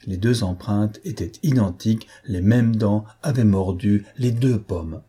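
A man narrating a novel in a measured, steady storytelling voice. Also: fairly low pitch, breathy edge. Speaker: audiobook narrator. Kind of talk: scripted narration.

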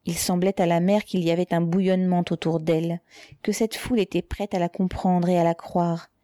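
A woman narrates a literary novel in a steady, measured reading. Her voice sits low and mellow. The recording is close and dry. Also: no echo. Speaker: audiobook narrator. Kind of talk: scripted narration.

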